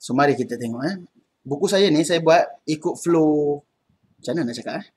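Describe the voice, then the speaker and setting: A man with a Malaysian accent runs an online class over a computer mic. His voice is a little high and husky. He keeps it loose and chatty, joking with his students. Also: animated, a little fast, darkish tone. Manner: casual, chatty, laughs often. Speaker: Arabic teacher. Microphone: computer mic on video call.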